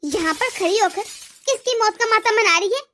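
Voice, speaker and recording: A woman voicing a cruel, domineering mother-in-law who taunts and threatens loudly. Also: very high-pitched, brisk. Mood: scolding. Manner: loud, sneering taunts. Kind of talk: cartoon voice acting.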